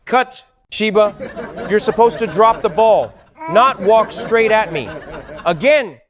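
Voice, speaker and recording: Exasperated high-voiced man directing a set. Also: lively intonation, slow pace, crowd noise. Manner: bossy and exasperated, calling cut and again. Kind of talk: scripted comedic narration.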